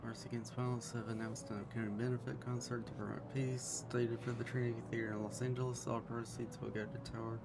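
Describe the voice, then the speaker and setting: An actor playing a serious television news reporter in a video game, reading a bulletin formally and with authority. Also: male voice, medium pitch, little pitch movement, fast, gravelly, few pauses, heavy background noise, natural voice. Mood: grave, formal. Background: loud music.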